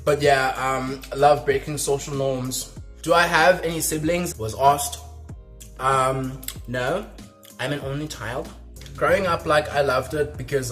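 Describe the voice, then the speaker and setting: A young man chatting casually on his vlog, rambling with lots of fillers while he eats. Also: a little high. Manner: talking while eating. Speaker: vlogger. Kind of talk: casual mukbang chat.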